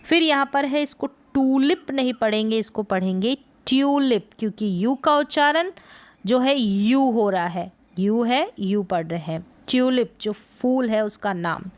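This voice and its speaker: A woman teaching English pronunciation in a slow lesson, spelling out letters and repeating each word. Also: fairly high pitch, lively intonation. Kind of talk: slow explanatory lesson in Hindi.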